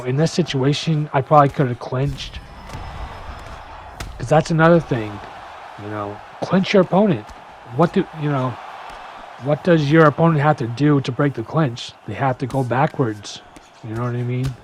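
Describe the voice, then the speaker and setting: A young man giving a casual gameplay breakdown, full of "you know" fillers and sometimes rushing to keep up with the action. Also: mid-range voice, a little hiss or hum. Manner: casual, filler-heavy, talks fast to keep up. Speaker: gaming YouTuber.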